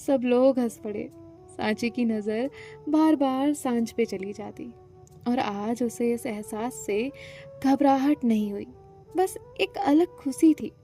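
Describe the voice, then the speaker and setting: A woman's voice: a little high, slow pace. A woman narrating a romantic audio story, reading the characters' lines in her own voice. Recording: soft music behind the voice.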